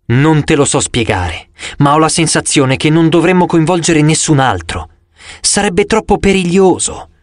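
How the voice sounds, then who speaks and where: Male narrator playing a grave huntress leader, measured and stern, dry close sound, storybook. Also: fairly high pitch, animated, dry recording, natural voice. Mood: troubled. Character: stern young huntress leader, old-fashioned speech.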